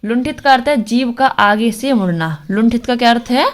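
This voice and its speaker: A woman's voice: fairly high pitch, moderate pace. A woman teaching Hindi grammar for an exam, sounding out letters one by one and asking questions she answers herself. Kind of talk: exam-prep lesson.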